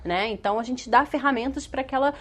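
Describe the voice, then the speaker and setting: A Brazilian woman with a slightly high voice talks as a guest on a studio talk show. She hesitates often, filling pauses and restarting her sentences as she works through each point. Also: fairly bright tone. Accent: Brazilian Portuguese. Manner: hesitant, many fillers and restarts. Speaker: guest specialist.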